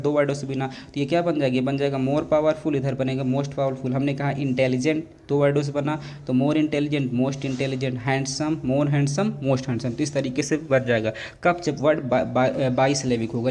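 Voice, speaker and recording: Mellow-voiced man teaching grammar. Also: mid-range voice, a little hiss or hum. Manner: repeats questions to students, drawn-out words. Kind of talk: classroom grammar lesson.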